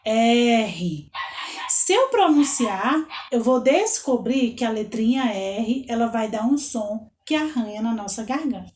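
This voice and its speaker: A woman with a Brazilian Portuguese accent teaching young children, slowly spelling out letters and counting aloud. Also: fairly high pitch, lively intonation, a little mellow, reverberant. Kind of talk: children's lesson.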